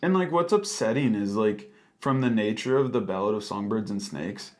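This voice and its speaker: A man's voice: on the low side, normal speed. A man co-hosting a casual book discussion, sounding exasperated and opinionated, peppering his talk with "like". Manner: exasperated, frequent filler "like".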